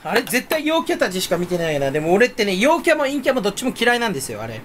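A young man chats on his own from his room at home, hopping from topic to topic and making fun of himself. His pitch leaps around as he talks, and he talks fast with sudden loud outbursts. A faint hiss sits under the recording. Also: wildly swooping pitch. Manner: scattered, self-mocking, jumps between topics, sudden loud outbursts and mouth noises. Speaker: streamer chatting solo. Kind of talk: rambling casual chat.

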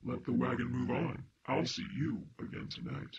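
A woman voicing an unseen spirit that speaks with a low, taunting, metallic voice. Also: little pitch movement, moderate pace, creaky. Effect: metallic, muffled disembodied voice. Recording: dull lo-fi voice under loud music. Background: loud music.

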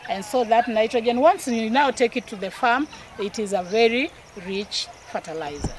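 A woman's voice: on the high side, normal speed, low-quality recording. A middle-aged woman farmer showing her farm outdoors, explaining her methods in a plain, practical, step-by-step way. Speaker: dairy farmer. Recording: outdoor recording with clear background noise.

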